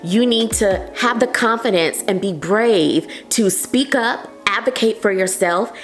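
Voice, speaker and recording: A woman's voice: medium pitch, a little slow, faint music behind. A woman vlogger talking casually to camera, earnest and encouraging as she gives advice. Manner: earnest and encouraging, often says "like" and "you know". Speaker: vlogger sharing patient advice. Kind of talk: casual heartfelt talk to camera.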